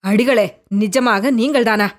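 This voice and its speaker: A fierce cave-dwelling ascetic woman with a hard, harsh voice, as a woman reader puts her on. She tells her story dramatically, in a slightly high voice. It is an audiobook reading. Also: unhurried, lightly acted. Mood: wondering.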